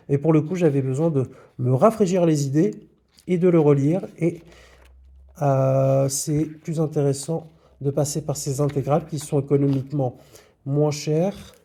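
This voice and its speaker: A man's voice: on the high side, dark tone. A man presenting his comic book purchases in a casual video, with frequent hesitations. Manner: hesitant, many fillers. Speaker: comics vlogger.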